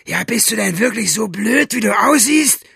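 A man's voice: high voice, expressive, moderate pace, vocal fry, sharp tone, slightly rough, no echo, studio quality, voice pushed up, exaggerated voice. A man voicing a vicious male henchman behind bars, shrieking insults and threats. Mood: raging.

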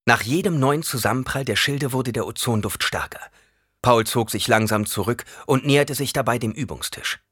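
A man reading an audiobook as narrator in an expressive storytelling manner. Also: medium pitch, moderate pace, husky, no room sound, studio quality. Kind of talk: scripted narration.

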